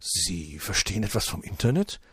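A man's voice: low-pitched, very animated, normal speed, a bit bright, husky, no room sound, studio quality, heavily acted. A man reading aloud voices a flustered care home director who tries hard to sound firm.

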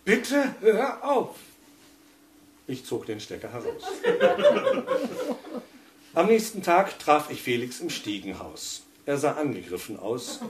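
A man reading a humorous story aloud in a wry, lively way. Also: medium pitch, background noise. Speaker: narrator.

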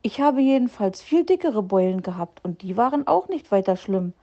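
A woman's voice: medium pitch, animated, normal speed, mellow, dull audio, natural voice. A woman voicing a cheeky, teasing, slightly doubtful little hedgehog child. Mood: chatty.

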